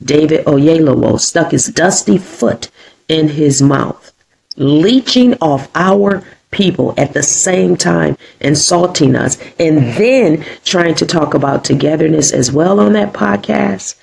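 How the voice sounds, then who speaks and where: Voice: medium pitch, lively intonation, slow pace, creaky, a little mellow, husky, rough recording. An American vlogger giving combative opinion commentary, often repeating phrases for emphasis.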